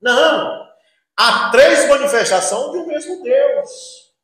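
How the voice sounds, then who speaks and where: A man preaching a sermon in a church, swinging between loud outbursts and hushed asides and acting out the voices he quotes. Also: very high-pitched, animated, slow pace. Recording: very echoey church hall.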